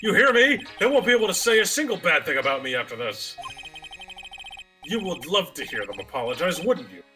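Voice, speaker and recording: A man voicing a vain, spiteful middle-aged man who gloats bitterly, with game music clearly behind. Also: fairly high pitch, sing-song, a little fast. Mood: gloating.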